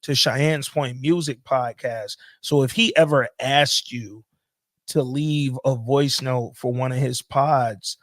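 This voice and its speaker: A man's voice: mid-range voice, fairly even intonation, takes it slowly, fairly bright tone, no echo. A male podcast host talking loosely and emphatically in casual chat, swearing freely.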